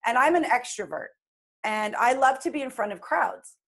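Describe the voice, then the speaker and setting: A woman's voice: fairly high pitch, animated, normal speed, gravelly, a bit bright. A woman in her late forties, a coach, talking earnestly and reflectively in a casual interview. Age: 40s. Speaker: guest coach.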